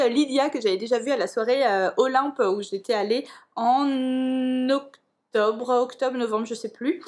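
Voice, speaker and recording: Young woman, casual vlog chat, lots of fillers, slightly high voice. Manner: hesitant, many fillers and restarts. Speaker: book vlogger.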